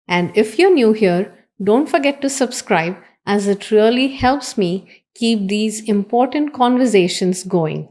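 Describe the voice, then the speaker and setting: A woman's voice: medium pitch, a little mellow. A woman hosting a podcast, delivering a scripted welcome and then interviewing her guest. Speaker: podcast host.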